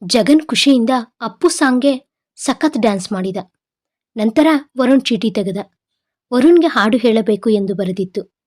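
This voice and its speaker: Fairly high-voiced, mellow woman storyteller. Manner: steady, measured storytelling. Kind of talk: scripted story narration.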